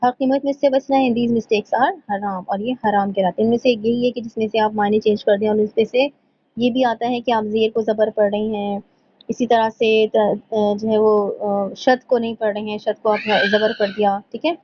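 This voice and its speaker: Woman teacher for an online lesson, fairly high voice, dull lo-fi sound, slow reading of points, frequent check-ins. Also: fairly even intonation. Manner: explains in Urdu, reads English points slowly from slides; checks in often with "theek hai". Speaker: tajweed teacher.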